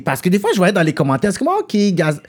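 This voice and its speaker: A man co-hosting an interview, talking in an animated way and mixing English phrases into French. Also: high-pitched, fast talker, breathy edge. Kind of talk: casual interview.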